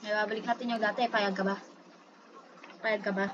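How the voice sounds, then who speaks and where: A woman's voice: medium pitch, little pitch movement, a little fast. A woman doing playful, chatty gameplay commentary, pleading and repeating herself. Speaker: gaming YouTuber. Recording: dull lo-fi sound with clear background noise.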